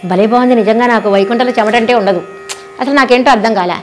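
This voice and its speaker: A woman's voice: a little high, fast talker, soft background music, close to an everyday voice. Woman voicing a delighted young god. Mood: delighted wonder. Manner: wondering, exclaiming, repeating praise. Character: delighted child god marveling at praise.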